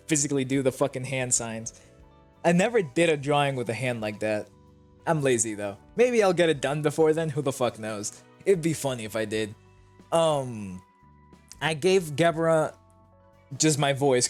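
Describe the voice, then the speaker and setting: A man's voice: medium pitch, animated, normal speed, soft background music. A man streaming a video game, chatting casually and swearing while he reads and voices the dialogue. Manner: swears casually, laughs, reads lines aloud in character.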